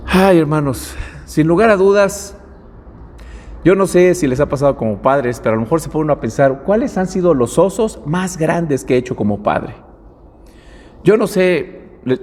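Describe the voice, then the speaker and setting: A middle-aged man with a Mexican accent, preaching as a pastor and telling a personal story in an animated way. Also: medium pitch. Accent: Mexican Spanish. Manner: animated storytelling, acts out quotes. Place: church hall. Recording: long hall reverb.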